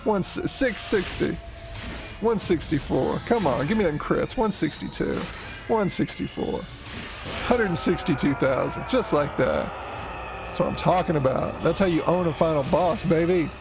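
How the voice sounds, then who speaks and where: A man's voice: a little high, moderate pace, vocal fry. A man giving casual, slangy playthrough commentary as a gaming host, with wry joking reactions. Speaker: gaming video host playing through a game. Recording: commentary over loud game audio. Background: game music and effects.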